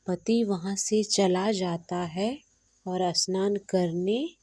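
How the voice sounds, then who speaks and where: Very slow, mellow woman storyteller. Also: mid-range voice, breathy edge, no echo. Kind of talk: devotional folk tale narration.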